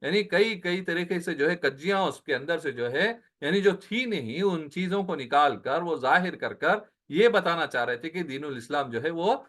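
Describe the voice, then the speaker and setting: A man with a fairly high voice teaches a Quran translation lesson. He explains each word in turn, repeats Arabic terms slowly and asks his listeners rhetorical questions. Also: expressive, fairly bright tone. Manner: explains word by word, mixing in English phrases; slows down on Arabic words, repeats them.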